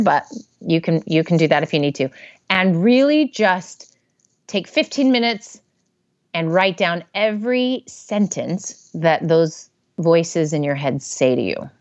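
Woman therapist guest, lowish voice, animated and chatty, dull dry sound. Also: no echo. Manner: animated, acts out inner voices in quotes. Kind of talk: casual interview talk.

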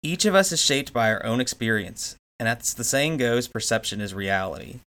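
A man's voice: medium pitch, animated, normal speed, sharp tone. Man moderating with polite questions. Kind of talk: scripted interview questions.

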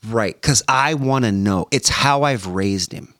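A man's voice: fairly low pitch, measured pace, slight background noise. A man, a podcast guest recounting a story and acting out the voices of people he spoke with. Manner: animated storyteller, acts out quoted phone calls. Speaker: podcast guest, former radio host. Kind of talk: casual storytelling interview.

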